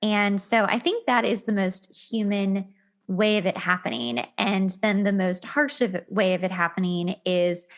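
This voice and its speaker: On her podcast, a woman gives casual relationship advice in a steady, medium-pitched voice at a measured pace. She is emphatic and repetitive, acting out imagined reactions while sharing stories.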